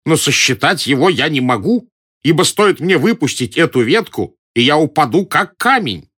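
A man's voice: fairly high pitch, big pitch swings, normal speed, fairly bright tone, slightly rough, pitched above the performer's own voice, full character voice. A man doing a whiny, fussy old professor. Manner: whining, indignant, pedantic. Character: fussy, timid elderly male professor, whiny. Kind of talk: audiobook character voice.

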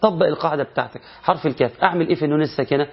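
معلم تجويد مصري سريع الكلام. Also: male voice, a little high, rapid-fire, gravelly, breathy edge, dull audio. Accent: Egyptian Arabic. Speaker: Quran recitation teacher. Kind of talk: colloquial recitation lesson.

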